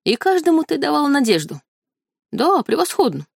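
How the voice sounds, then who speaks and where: A woman's voice: sits high, big pitch swings, normal speed, vocal fry, no echo, voice pushed up, exaggerated voice. Woman reading a cold mean prince, snapping and sneering, dry sound. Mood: scornful. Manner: harsh, scornful, barking. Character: cold, contemptuous young male prince.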